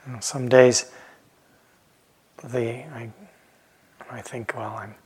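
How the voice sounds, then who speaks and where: Slow, reflective man in his fifties. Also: medium pitch, breathy edge. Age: 50s. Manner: calm, reflective, pausing often with soft trailing phrases. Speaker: meditation teacher. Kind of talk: dharma talk. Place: retreat center hall.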